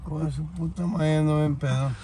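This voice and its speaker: A man's voice: a little high, fairly even intonation, measured pace, dark tone, slight background noise. A drunk Mexican man slurring and rambling sentimentally outdoors.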